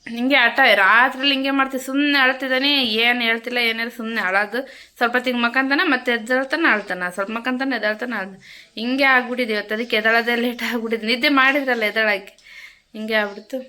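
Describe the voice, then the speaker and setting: A woman's voice: on the high side, steady tone, fast, sharp tone. A woman chatting casually to her viewers at home in a vlog, repetitive and friendly. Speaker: vlogger. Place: home kitchen.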